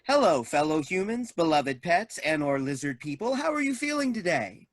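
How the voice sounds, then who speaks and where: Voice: medium pitch, very animated, moderate pace, dry recording, studio quality, close to an everyday voice. An actor voicing a robot doctor that puts on a stiff, fake-friendly human bedside manner in a comedic audio drama. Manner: stiff, menu-like robotic phrasing with a put-on cheery bedside tone.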